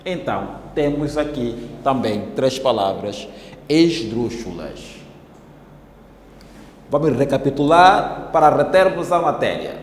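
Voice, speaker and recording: A male teacher with an Angolan Portuguese accent, giving a televised classroom lesson and spelling out syllables slowly and deliberately. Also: medium pitch, a little hiss or hum. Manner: slow, deliberate, syllable-by-syllable explaining. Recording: echoey room with long reverb.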